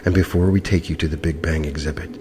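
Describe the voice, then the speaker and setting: A man's voice: rumbling low, steady tone, quick pace. A man leading a guided meditation in a soothing, hypnotic manner. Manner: soothing, hypnotic delivery with repeated phrases. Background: music.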